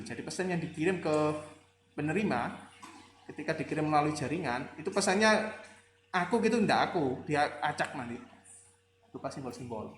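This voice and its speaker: Man lecturing casually in an echoey room. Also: a little high. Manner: conversational, rambling with fillers and rhetorical questions. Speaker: university lecturer. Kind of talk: classroom lecture. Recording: echoey room with faint ambient noise.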